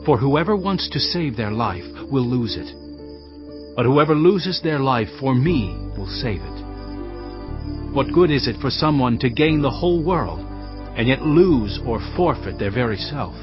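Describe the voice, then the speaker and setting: An actor playing Jesus as a grave, earnest teacher with solemn, emphatic delivery in a dramatized audio Bible. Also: male voice, mid-range voice, animated, unhurried, natural voice. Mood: solemn teaching. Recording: dull sound under prominent music. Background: music.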